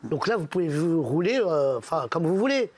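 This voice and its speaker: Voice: mid-range voice, sing-song, normal speed, darkish tone, slight background noise. A person telling jokes casually among friends, switching voices for each character. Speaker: joke teller.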